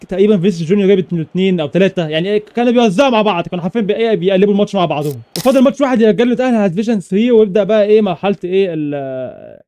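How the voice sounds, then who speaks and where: A young man with an Egyptian Arabic accent giving excited live commentary over his own football video game matches, rattling off repeated exclamations. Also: sits high. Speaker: gaming YouTuber.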